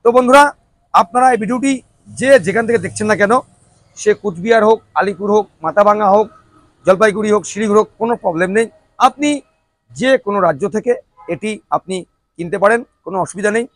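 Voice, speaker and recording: A man delivers a showroom sales pitch in a high voice. He sounds like a promotional announcer, emphatic and repetitive, throwing in rhetorical questions. The sound is dry, with little room echo. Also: fast talker, pauses often, a bit bright. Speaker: showroom promoter presenting e-rickshaws.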